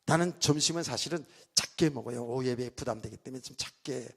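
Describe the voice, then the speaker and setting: A man's voice: mid-range voice, quick pace, gravelly, husky. A middle-aged man preaching a sermon as pastor in a church, talking casually with the congregation and joking in asides. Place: church sanctuary.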